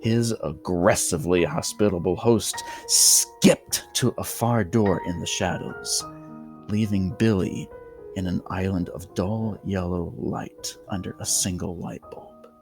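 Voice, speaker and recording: Slow, theatrical horror story narrator. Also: low-pitched, a little mellow, soft background music. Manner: theatrical, dramatic. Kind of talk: scripted creepypasta horror narration.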